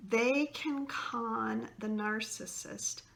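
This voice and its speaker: A woman talking straight to the camera in a slow, unhurried way. Her voice is bright and clear, with an earnest, explaining tone that now and then sinks to a whisper. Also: fairly high pitch. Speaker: self-help video host. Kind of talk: casual talk to camera.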